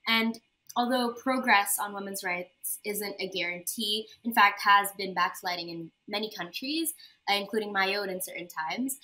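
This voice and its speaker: A woman's voice: medium pitch, normal speed, sharp tone, poor audio. A teenage girl from Indonesia interviewing a guest on a video call, polite and a little hesitant. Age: teens. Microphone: video call webcam.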